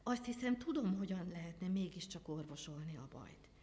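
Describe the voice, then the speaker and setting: A timid, remorseful angel pleads softly and a little higher, as a woman reading a tale puts her on. A long hall reverb follows the hushed phrases. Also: animated, close to an everyday voice. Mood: pleading. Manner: soft, pleading.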